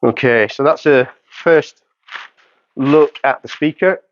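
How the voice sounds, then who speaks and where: A man in his fifties, a hi-fi dealer, slowly talks through setting up a product in a carpeted showroom, using short, matter-of-fact phrases as he works step by step. His medium-pitched voice comes through dull audio with a little hiss or hum.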